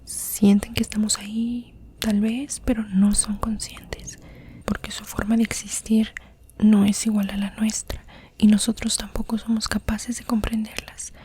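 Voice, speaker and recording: A woman whispers softly under her breath in an ASMR podcast style. Her delivery is even and mellow, with little movement in pitch. A faint noise sits behind her voice. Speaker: podcast host. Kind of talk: soft-spoken ASMR podcast monologue.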